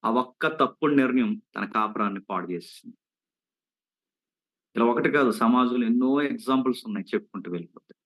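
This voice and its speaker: A man's voice: medium pitch, expressive, brisk, a bit bright, poor audio. A man preaching to young people, telling a cautionary story with earnest repeated warnings and questions to the listeners. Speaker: youth preacher. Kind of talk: sermon storytelling.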